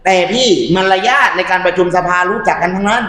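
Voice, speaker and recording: A man speaking as a civic activist, forceful and rhetorical. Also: high voice, fast, roomy sound. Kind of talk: impassioned civic talk.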